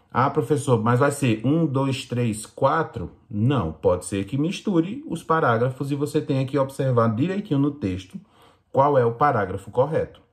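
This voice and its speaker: Patient Brazilian man teaching children. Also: mid-range voice. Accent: Brazilian Portuguese. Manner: slow, patient explaining to young children. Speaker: primary school teacher. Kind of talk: recorded classroom lesson.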